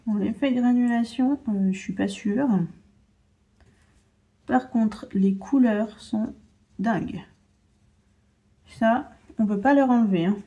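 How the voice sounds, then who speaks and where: A woman's voice: fairly high pitch, slow pace, pauses often, mellow. A young woman chatting casually as she unboxes and swatches paints, narrating each step of her hands-on work with small asides. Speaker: art vlogger.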